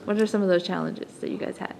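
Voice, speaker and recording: A woman interviewing a podcast cast, eager and quick to agree as she asks her questions. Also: lowish voice, steady tone, creaky, warm tone, a little hiss or hum, low-quality recording. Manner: eager, affirming with frequent yeahs. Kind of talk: casual interview.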